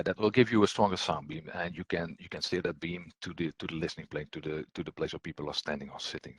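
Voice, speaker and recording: A man with a low, husky voice gives a technical training presentation, talking like an instructor moving through slides and often halting with ums and repeated words. The sound is close and dry, with no echo.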